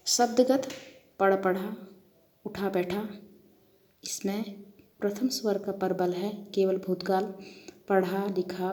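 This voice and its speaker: A woman's voice: medium pitch, dark tone. A woman professor giving a lecture on Hindi phonology, explaining terms and reading example word pairs with careful stress.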